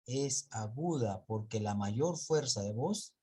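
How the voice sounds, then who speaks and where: A male teacher leads a classroom grammar lesson, explaining each rule step by step and quizzing the class as he goes. His voice is mellow and slightly husky, sitting at an ordinary pitch for a man. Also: expressive, slow pace.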